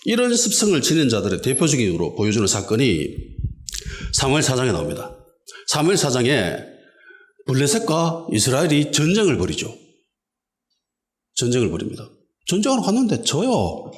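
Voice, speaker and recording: A man, preaching an expository sermon as pastor, emphatic and animated, repeating lines for stress. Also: mid-range voice, moderate pace, pauses often. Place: church in a basement hall.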